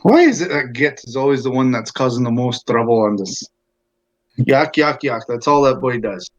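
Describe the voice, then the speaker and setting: A man's voice: mid-range voice, expressive, moderate pace, highs cut off. Man in a put-on Scottish brogue. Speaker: player. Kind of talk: in-character tabletop role-play.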